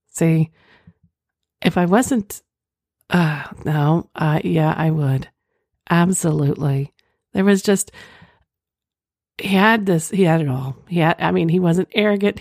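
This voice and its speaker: Low-pitched flirty woman podcast host. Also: gravelly, a little mellow, dry recording, clean studio sound. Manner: candid, flirtatious. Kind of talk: reading listener's story, then casual chat.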